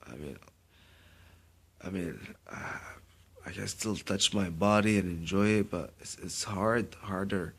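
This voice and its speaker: A young man from Kuwait in a rambling personal monologue, halting and restarting, often repeating his words. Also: on the low side, creaky, slightly rough. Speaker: vlogger.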